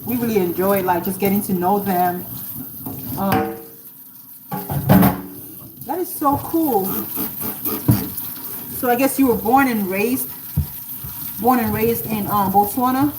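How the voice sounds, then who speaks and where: A Nigerian author livestreams casually while cooking at home, talking to viewers slowly with long pauses in a medium-pitched voice. Background noise, running tap water, and a roomy, distant quality fill the kitchen recording.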